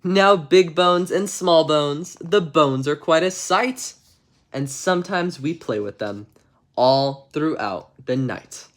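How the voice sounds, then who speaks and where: This streamer speaks slowly in a slightly high voice. He hosts a bedtime-story livestream, talking with his audience and reading storybooks aloud with playful, feigned innocence.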